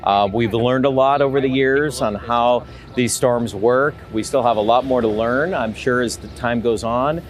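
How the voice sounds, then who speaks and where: A man's voice: medium pitch, moderate pace, hardly any pauses. An American man, a meteorologist, reflecting on past experience in an interview.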